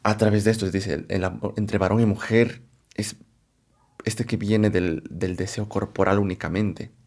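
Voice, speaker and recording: A man presenting a philosophy lecture, unhurried and thinking aloud, often checking in with rhetorical questions and correcting himself as he goes. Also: on the low side, fairly even intonation, creaky, a little mellow. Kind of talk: explanatory lecture to camera.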